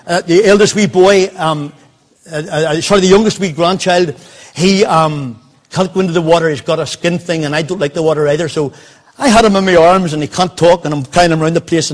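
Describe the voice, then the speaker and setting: An older man, telling a personal story in a sermon and quoting the people in it. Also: high voice. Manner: anecdotal, quoting others in dialogue. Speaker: preacher.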